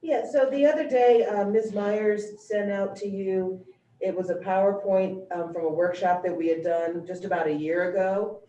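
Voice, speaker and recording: Even-toned woman presenting in an echoey room. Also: medium pitch, muffled recording. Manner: measured, explanatory, matter-of-fact. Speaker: school district finance presenter. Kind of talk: informal budget presentation. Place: meeting room, relayed over a video call. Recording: echoey room, distant mic, faint noise.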